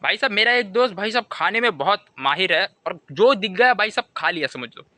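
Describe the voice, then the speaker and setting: A young man telling a comic monologue to camera, animated storytelling that keeps circling back to a catchphrase. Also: high-pitched, fairly quick, no echo. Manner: animated storytelling, keeps repeating "bhai sahab". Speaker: comedy vlogger. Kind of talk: stand-up style comic monologue.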